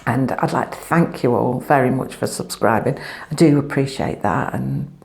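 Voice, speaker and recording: Her pitch is extremely low, with vocal fry and a dark tone, and she speaks at a moderate pace. This family vlogger chats and rambles casually at home, clip-on mic attached, in an empty room that makes her voice echo.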